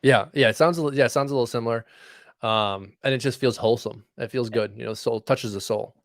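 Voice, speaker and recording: A man's voice: medium pitch, fast, no echo, clean studio sound. A man co-hosting a casual fantasy baseball podcast, talking in a loose, rambling way with many fillers. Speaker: podcast co-host.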